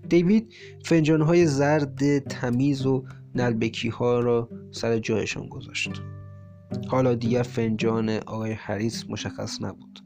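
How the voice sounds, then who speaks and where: A man reading a short story aloud as an audiobook, in a measured, steady storytelling manner. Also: medium pitch. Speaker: audiobook narrator. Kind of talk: scripted narration. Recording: faint guitar music bed. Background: soft guitar music.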